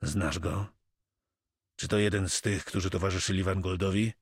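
A man playing a stern pirate captain, low husky voice, terse, dry sound. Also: steady tone, moderate pace, dry recording. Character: calm commanding male pirate captain.

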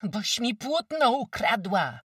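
A jeering peasant woman with a sharp tongue, as an audiobook reader puts her on, pitched high and swinging up and down as she mocks. The voice sounds dry and set back from the mic. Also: big pitch swings, takes it slowly, slightly rough, no room sound, recorded from a distance, heavily acted. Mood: shrieking anger. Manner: jeering, shrill, mocking. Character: mocking, foul-mouthed peasant woman neighbor. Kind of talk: audiobook character reading.

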